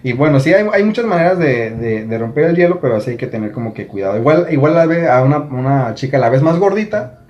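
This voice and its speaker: Un hombre joven con acento mexicano que conduce un pódcast en charla casual, bromista y animado. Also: male voice, medium pitch, fast talker, roomy sound, dull audio. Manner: joking, animated, mimics people in funny voices. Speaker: podcast host. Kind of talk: casual chat.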